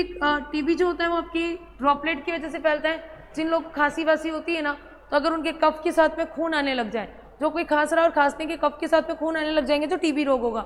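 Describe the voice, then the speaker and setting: A woman teaching a biology class, who repeats key terms, quizzes her students and fondly calls them child. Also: high-pitched. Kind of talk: classroom lecture at a board. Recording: hall reverb with faint ambient noise.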